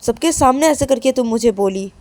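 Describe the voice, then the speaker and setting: Brief: woman putting on a touchy young wife, high pitched, quick to accuse. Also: lively intonation, a little mellow, no room sound, lightly acted. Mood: accusing. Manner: accusing, stammers and repeats herself. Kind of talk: storytelling with acted dialogue.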